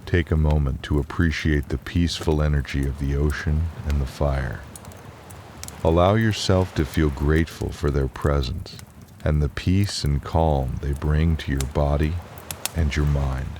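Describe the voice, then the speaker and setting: Very deep, slow, soothing male bedtime narrator. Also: a little hiss or hum. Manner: soothing, calm, unhurried. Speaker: relaxation narrator and storyteller. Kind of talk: slow guided relaxation and bedtime story narration.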